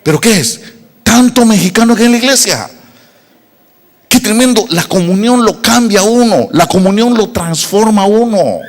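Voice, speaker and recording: A man's voice: high voice, expressive, normal speed, long reverb tail. A man from Costa Rica, a pastor preaching a sermon, telling humorous stories and speaking straight to the congregation. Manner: humorous storytelling, addressing the congregation directly.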